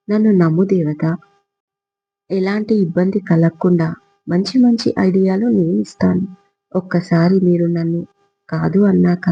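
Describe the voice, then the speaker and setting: A man's voice: high voice, vocal fry, husky, muffled recording, full character voice. A man playing a lovesick small-time rowdy who is self-important and talks in a flowery, devoted way, in a storybook reading.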